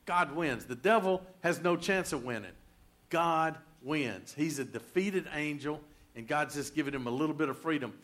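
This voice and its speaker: A man's voice: a little high, moderate pace, fairly bright tone. A man preaching a sermon in a conversational way, reading scripture aloud with emphasis. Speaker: pastor.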